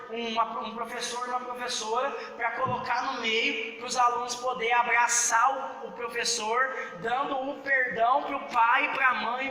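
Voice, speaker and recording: A man's voice: very high voice, sharp tone. A man preaching a fervent, story-driven sermon, in a large hall. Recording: echoey hall with long reverb.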